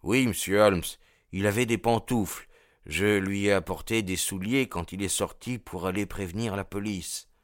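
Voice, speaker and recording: Polite reserved butler, formal and deferential, low dry voice, played by a man. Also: normal speed, dry recording, lightly acted. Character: deferential middle-aged male butler, reserved.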